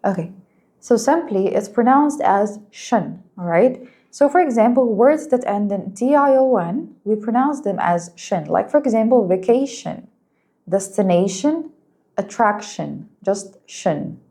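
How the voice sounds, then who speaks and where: A woman whose first language is Arabic teaching an English lesson, speaking slowly and clearly and praising her students. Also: on the high side, lively intonation, dark tone. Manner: patient, encouraging, slow and clear, explains in Arabic too.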